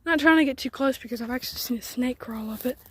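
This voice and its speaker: A woman's voice: high voice, quick pace, breathy edge, dry recording. Chatty woman vlogging outdoors in the woods. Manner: rambling, chatty, drops to near-whispers. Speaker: garage channel host. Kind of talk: casual walkaround vlog. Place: outdoors in woods by an old truck.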